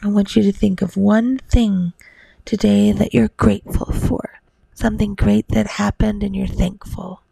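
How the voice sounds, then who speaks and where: A woman softly half-whispering a soothing bedtime story as narrator, speaking close-up, right in the ear. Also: medium pitch, fairly even intonation, unhurried, no room sound, poor audio. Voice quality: breathy, soft.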